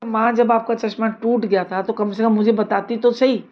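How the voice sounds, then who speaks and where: A woman voicing a caring adult son who gently reasons with his wife and mother, in a told family story. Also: a little high, steady tone, normal speed, muffled recording, a little hiss or hum, natural voice. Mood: concerned.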